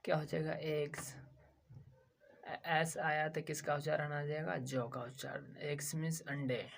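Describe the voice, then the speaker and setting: A man's voice: a little high, little pitch movement, a little slow, vocal fry. A man from India teaching a language lesson. He spells out words letter by letter, repeats each one, and asks questions that he answers himself. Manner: repetitive drilling of each word. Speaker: English teacher.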